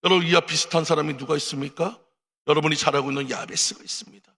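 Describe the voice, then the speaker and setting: Gravelly husky pastor man preaching hard at a prayer retreat, big hall echo. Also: a little high, steady tone, fast talker, sharp tone. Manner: impassioned, rising declarations. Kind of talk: fervent Korean revival sermon. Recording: long reverb of a large hall.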